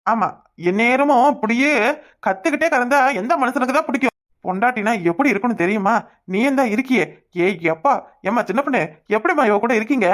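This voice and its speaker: A woman's voice: fairly high pitch, quick pace, close to an everyday voice. A woman voicing an irritable, dismissive husband in a cartoon, talking brusquely and ordering others about. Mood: irritated, dismissive. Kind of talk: cartoon voice acting.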